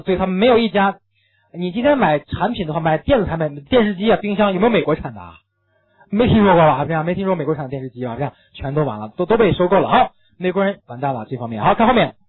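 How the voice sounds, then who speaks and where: A man lectures through an English reading passage, firing off rhetorical questions at his students. His voice sits high and husky. The recording is thin and tinny, like a phone line. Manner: animated, asks many rhetorical questions, mixes in English phrases. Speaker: English teacher.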